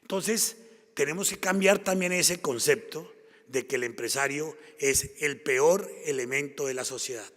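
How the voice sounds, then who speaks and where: A Colombian man with a Colombian Spanish accent delivers a public lecture in a conference hall, where long reverb trails his words. His fairly high, fairly bright voice moves a little slowly. He is emphatic, hammering his points home through repeated phrases that build rhetorically.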